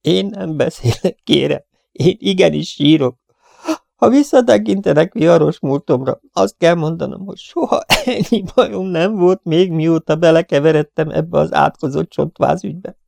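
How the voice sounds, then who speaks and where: A man voicing a whiny, tearful male gangster in a storybook reading, with a high, whimpering voice. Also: vocal fry, darkish tone, no room sound, clean studio sound. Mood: whining, indignant.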